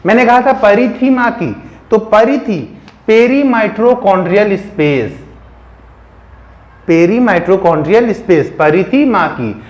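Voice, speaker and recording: A man with a fairly high voice teaches a biology lesson by telling a story. He keeps asking the listener questions and answers them himself. The room around him sounds echoey. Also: lively intonation, unhurried. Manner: keeps checking in with "theek hai".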